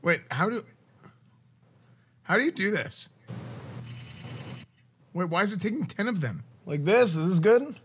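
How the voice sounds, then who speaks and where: Male streamer, thirties, expressive self-deprecating banter, very wide pitch swings. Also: unhurried, long pauses, slightly rough. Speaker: livestreamer. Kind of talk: casual livestream banter. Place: indoor room at home. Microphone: streaming mic on boom arm.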